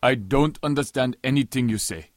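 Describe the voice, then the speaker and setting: A man's voice: mid-range voice, moderate pace, no room sound, studio quality, close to an everyday voice. An actor playing a stern, proud pirate who speaks stiff, formal English that is not his first language. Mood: scornful. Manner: stiff, formal, non-native English phrasing. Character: proud Somali male pirate, stern and scornful. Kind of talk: audio drama acting.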